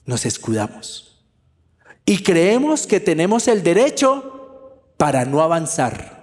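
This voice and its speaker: A man's voice: a little high, huge pitch swings, slow, a little mellow, long reverb tail. A male pastor delivering a sermon with emphatic preaching that repeats key phrases for effect.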